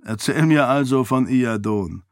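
A man voicing an older king and father in an audiobook, speaking in a dry, gently teasing way. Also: medium pitch, lively intonation, a little slow, dry recording. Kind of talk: audiobook character voice.

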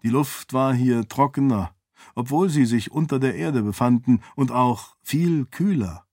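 A man reading a fantasy novel aloud as narrator in a measured, even delivery on a close studio mic. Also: medium pitch, dry recording. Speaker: audiobook narrator. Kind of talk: scripted narration.

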